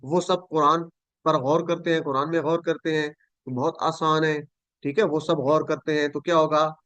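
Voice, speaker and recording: Man, high voice, patient teacher, slow repeated drills, dry close sound, video call. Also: little pitch movement, fairly bright tone, no echo, muffled recording. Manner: patient, repeats word forms slowly and corrects students. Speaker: Quran Arabic teacher. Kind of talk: online class drilling verb tables.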